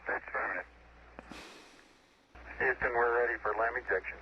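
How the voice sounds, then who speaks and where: A man speaking as an astronaut over a space radio link with beeps, measured and matter-of-fact, with hesitant fillers. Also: mid-range voice, dull audio, noisy background. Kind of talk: radio exchange with ground control.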